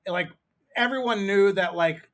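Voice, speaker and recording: A man's voice: sits high, normal speed, fairly bright tone. A man in his thirties from Maryland, co-hosting a podcast and telling a rambling, profane story in casual chat. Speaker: podcast co-host.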